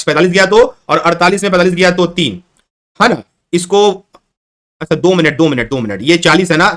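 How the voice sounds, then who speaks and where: A man's voice: high-pitched, sharp tone. A man teaching a live online exam-prep class, repeating questions and coaxing his students to answer. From Chhattisgarh, India.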